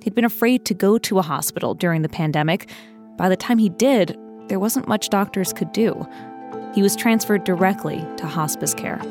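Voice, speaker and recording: A woman co-hosting a news podcast, reading scripted news in a clear, measured way and chatting with her co-host. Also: medium pitch, music in the background. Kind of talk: scripted news narration and banter.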